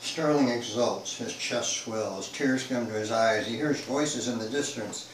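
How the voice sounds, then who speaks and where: A man's voice: mid-range voice, unhurried. A man reading his own novel aloud in a dramatic, shifting narrating style. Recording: echoey room, mic far off, faint hiss.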